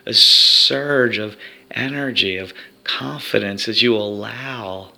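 A man's voice: on the low side, takes it slowly, vocal fry, pushed and bright. A man leading a guided hypnosis recording for athletes, speaking in a soothing, repetitive hypnotic way.

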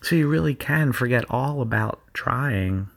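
A man coaching student athletes through a guided visualization recording, speaking in a slow, soothing, hypnotic cadence full of repetition. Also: mid-range voice, expressive, creaky. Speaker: sports performance coach.

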